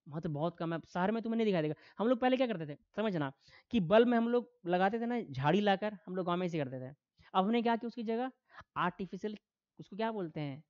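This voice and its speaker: A man's voice: high voice, no room sound, highs cut off. A man teaching a classroom lecture, asking his students questions and answering them himself, acting out quoted voices. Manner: animated, acts out quoted voices.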